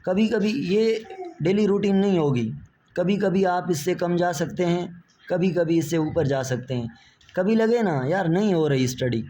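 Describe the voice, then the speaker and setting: A man's voice: sits high, mellow, slight background noise. A man, a biology teacher giving friendly, reassuring exam-prep advice and mixing in English words.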